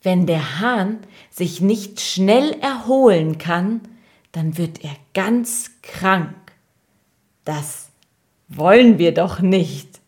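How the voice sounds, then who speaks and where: A woman voicing a kindly farmer and doctor in a children's audio story, speaking gently. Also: fairly low pitch, expressive, very slow. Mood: caring.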